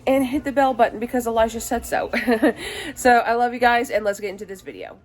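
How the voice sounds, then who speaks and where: A woman's voice: on the high side, brisk. A woman in her twenties vlogging casually from her home. She rambles with many fillers and restarts and sounds a little out of breath. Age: 20s. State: out of breath, allergies. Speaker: mom vlogger. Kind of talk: casual chatty vlog. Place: small cluttered home, indoors.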